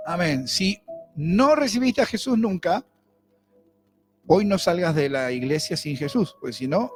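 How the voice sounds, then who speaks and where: A man's voice: high voice, expressive, a little slow, soft background music. A man with a Rioplatense Spanish accent, preaching a sermon as pastor in a conversational way, asking the congregation questions.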